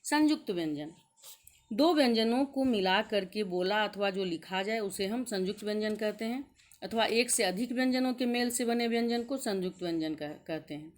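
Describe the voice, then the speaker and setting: Woman teacher, patient classroom delivery, spells out letters slowly for children, mid-pitched voice. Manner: slow, deliberate, sounding out letters one by one. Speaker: school teacher. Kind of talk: classroom grammar lesson.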